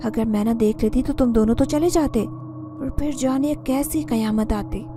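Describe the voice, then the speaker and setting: A woman's voice: on the high side, normal speed, over music, natural voice. A woman voicing a stern, scolding old female housekeeper in a spoken story. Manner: scolding, raised voice.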